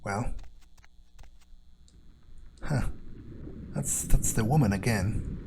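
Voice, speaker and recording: This man's fairly low voice draws out its words against some background noise. He's a gamer voicing an in-character playthrough, thinking aloud with improvised, musing commentary that's sardonic, understated, and casually profane.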